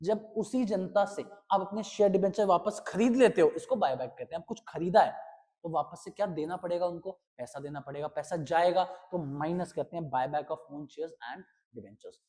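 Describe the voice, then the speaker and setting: A slightly hoarse man teaching an accountancy class, who asks questions and answers them himself. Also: high-pitched, normal speed, in a large hall. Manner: animated, asks and answers his own questions. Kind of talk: online class lecture.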